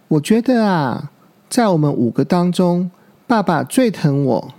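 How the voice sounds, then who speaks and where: Brief: bragging baby dinosaur boy from a storybook, high and creaky-edged, slow and smug, a man acting it. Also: expressive, warm tone, exaggerated voice. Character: boastful baby male ankylosaur, smug.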